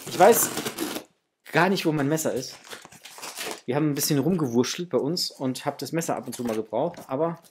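The host of a toy unboxing channel, a man in his thirties or forties, chats casually with viewers from a small room at home. His medium-pitched voice is effusive and affectionate toward his audience. There's slight background noise.

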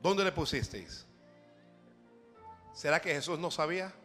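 A man preaching a sermon as pastor, moving from hushed prayer to shouted exhortation. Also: fairly high pitch, animated, unhurried, faint music behind.

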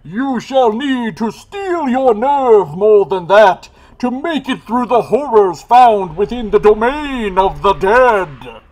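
A man voicing a menacing, scornful ghost of the dead in a fantasy game, with an unearthly voice and slow, drawn-out proclamations. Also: high voice, lively intonation, a little mellow, pitched above the performer's own voice, poor audio. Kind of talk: dramatic reading of a fantasy game.

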